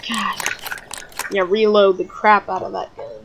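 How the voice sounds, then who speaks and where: A woman's voice: mid-range voice, flat delivery, unhurried, creaky, background noise. A woman giving let's play commentary, jumpy and yelping when startled. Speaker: gamer.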